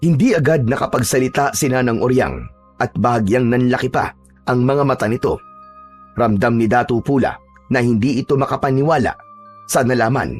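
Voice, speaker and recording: A man narrating a horror folk tale in an even, unhurried storytelling manner. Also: mid-range voice, soft background music.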